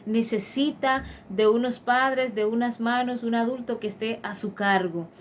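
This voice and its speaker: A woman's voice: fairly high pitch, fairly even intonation, a little slow, a little hiss or hum. A woman preaching a devotional sermon in an earnest, emphatic manner, with frequent fillers and restarts.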